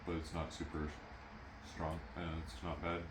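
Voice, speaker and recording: Laid-back deep-voiced man chatting. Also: level tone, unhurried. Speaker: co-host partner. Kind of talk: casual chat. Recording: roomy with background noise.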